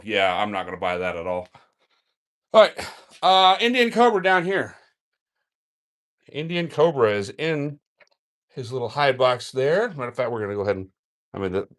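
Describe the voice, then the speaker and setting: A man hosts a live feeding stream in an indoor snake room, talking into a handheld phone camera. His pitch sits in the middle. He sounds relaxed and chatty as he coaxes the animals and answers his viewers. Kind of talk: casual live-stream narration.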